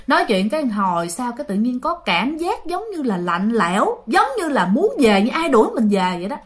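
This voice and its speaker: Brief: Southern Vietnamese woman, fairly high voice, chatty ghost-story narrator. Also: very animated, a little fast. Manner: chatty, addresses listeners directly.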